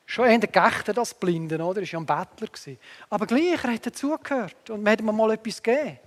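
A man preaching a sermon earnestly, moving between emphatic lines and hushed asides, with long hall reverb. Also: sits high, fast.

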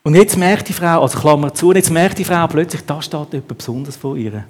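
A man's voice: fairly high pitch, a little fast, slightly rough. A man preaching a sermon, acting out the quotes in the story with a raised voice.

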